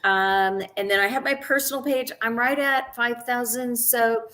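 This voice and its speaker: A woman's voice: fairly high pitch, fairly even intonation, moderate pace, pushed and bright. A woman in her sixties, a guest on an interview show, talking casually with lots of ums and restarts. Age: 60s. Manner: chatty, frequent ums and restarts, laughs easily. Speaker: interview guest, actress and director.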